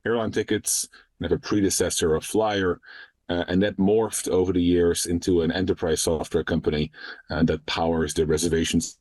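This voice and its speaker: Founder guest, thirties, from the Netherlands: very low, measured, lots of fillers, dry studio sound. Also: male voice, a little mellow, no room sound. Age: 30s. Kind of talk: podcast interview.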